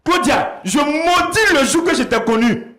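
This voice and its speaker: A man's voice: very high-pitched, lively intonation, measured pace, sharp tone, echoey room. A man on a talk show bitterly reproaching his wife. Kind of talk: heated confrontation on a talk show.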